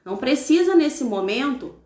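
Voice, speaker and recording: A middle-aged woman with a Brazilian accent, a literacy teacher who patiently explains an activity step by step, sounding syllables out slowly. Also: high voice, sing-song, a little mellow, roomy sound. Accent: Brazilian Portuguese. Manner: patient, explains step by step, frequent tag questions. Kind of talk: instructional demonstration.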